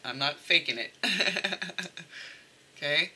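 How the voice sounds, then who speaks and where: Taking things slowly, this tarot reader speaks in a low, pushed and bright voice, chatting casually through the reading. She wanders playfully and often drifts into exaggerated asides.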